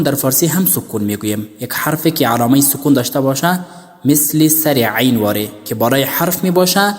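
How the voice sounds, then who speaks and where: A man teaching a Quran reading lesson, slowly repeating terms in careful lists. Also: mid-range voice, darkish tone. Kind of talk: slow classroom lesson. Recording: long reverb.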